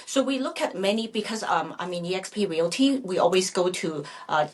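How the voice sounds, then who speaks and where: A middle-aged woman who is a native Chinese speaker raised in Vancouver, Canada, answers interview questions as a real estate agent guest. Her mid-range voice is animated, and she talks conversationally, halting and correcting herself as she goes.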